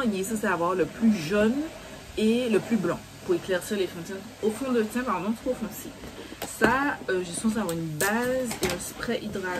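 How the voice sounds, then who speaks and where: A woman's voice: medium pitch, background noise. A young woman talking casually to her viewers about makeup, rambling and cursing freely when annoyed. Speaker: beauty vlogger. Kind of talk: casual chat to camera.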